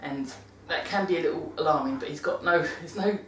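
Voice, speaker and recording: Low-voiced British woman in a roomy space. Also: a little fast, fairly bright tone, slight background noise. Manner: chatty, rambling, self-correcting with laughs. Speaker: vlogger giving dog-care tips. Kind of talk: casual monthly vlog talk. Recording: roomy sound from a distant mic.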